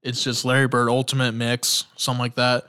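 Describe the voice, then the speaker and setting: Guy doing his own sports podcast, super excited, keeps restarting sentences, lots of likes and uhs. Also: mid-range voice, fairly quick, clean tone. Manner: excitable, rambling, many restarts and fillers; enthusiastic storytelling. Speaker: podcast host. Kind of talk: casual solo sports podcast.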